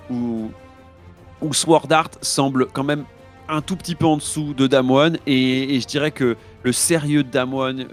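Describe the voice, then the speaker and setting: A man with a medium-pitched voice offers unscripted esports analysis. He sounds measured and a little hesitant as he searches for words, with soft music behind him. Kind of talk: unscripted interview-style analysis.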